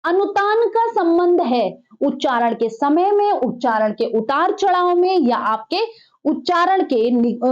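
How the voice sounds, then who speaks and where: A woman's voice: high-pitched, a little mellow, dull audio. A woman teaching an exam-prep lesson, putting questions to the class and then answering them herself. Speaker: Hindi teacher.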